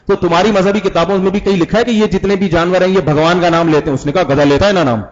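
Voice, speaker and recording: A man's voice: sits high, steady tone. Man, sermon, conversational, quizzes listeners, acts out examples, dull lo-fi audio. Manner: conversational, asks the audience questions, acts out examples. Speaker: preacher.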